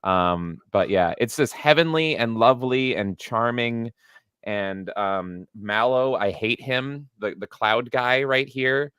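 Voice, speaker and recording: A man with a smooth, clear voice rambles eagerly as a podcast guest, joking at his own expense. The sound is dry and close, with no room echo. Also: medium pitch, fairly bright tone. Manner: chatty, self-deprecating, fast run-on talk. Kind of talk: casual chat.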